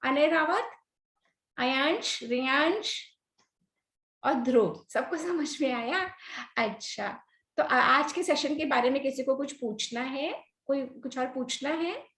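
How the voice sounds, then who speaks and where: A middle-aged woman teaching children in an online class, telling a story with animated delivery and quizzing the kids by name. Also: sits high, slow pace, roomy sound. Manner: animated, questions children by name, mixes English words.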